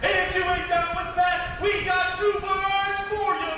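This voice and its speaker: A man doing ringmaster-style wrestling showman patter, bombastic and shouted, with drawn-out words and half-sung catchphrases. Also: very high voice, little pitch movement, slight background noise. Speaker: wrestler making his entrance as a showman announcer. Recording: echoey hall PA from far off, music behind.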